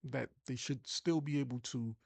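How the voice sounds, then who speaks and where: A man's voice: medium pitch, moderate pace, vocal fry, darkish tone, dry recording. A man with a Long Island New York accent giving an emphatic motivational talk to viewers as an online marketing coach, often restarting and repeating words.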